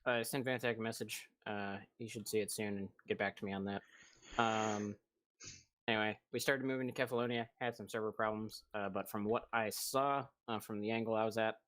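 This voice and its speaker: A man giving a recon report over voice chat, halting with many fillers. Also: fairly low pitch, steady tone, a bit bright, dry recording. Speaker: recon squad leader.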